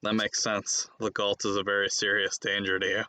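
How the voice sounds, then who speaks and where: A man chatting his way through a card game on a stream, playful and teasing, quick to burst into excited laughter. His voice sits a little low but sounds strikingly bright and forceful. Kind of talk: casual chat while playing a card game.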